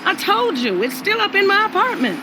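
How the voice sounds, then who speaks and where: A woman's voice: very high voice, big pitch swings, moderate pace, noisy background. A woman playing a sassy, blunt, grudge-holding ghost of an older mother in a cartoon video game. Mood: irritated.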